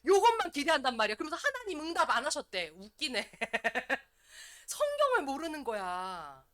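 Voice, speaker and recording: A woman evangelist preaching in a church, in a lively, conversational way. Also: high-pitched, moderate pace. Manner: lively, conversational preaching, often acting out prayers. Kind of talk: sermon. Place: church sanctuary.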